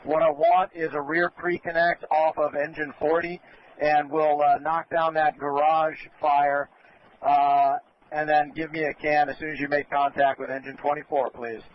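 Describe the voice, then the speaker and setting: Even-toned male fire commander on radio. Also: a little high, normal speed. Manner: orderly, directive, polite. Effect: two-way radio. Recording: dull radio recording with faint noise.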